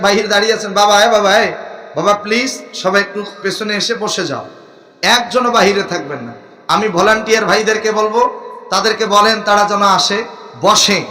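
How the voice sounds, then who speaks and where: A man from Bangladesh, preaching a sermon at an outdoor gathering under a large tent. He swings from quiet coaxing to shouted calls for the crowd to respond. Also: high-pitched, roomy sound, big-room sound. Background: crowd of listeners.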